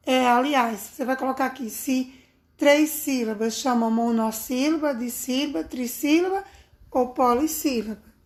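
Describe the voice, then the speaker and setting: A woman teaching young children a remote lesson, speaking in a sing-song, affectionate teacher manner, recorded on a phone. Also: sits high. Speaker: primary school teacher.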